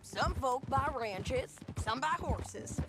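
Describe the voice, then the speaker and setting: In a video game cutscene, a woman plays a hardened frontier bounty hunter, gruff, dry, clipped and matter-of-fact. Her voice sits high with lively intonation and a slow delivery, over game music and horse hooves.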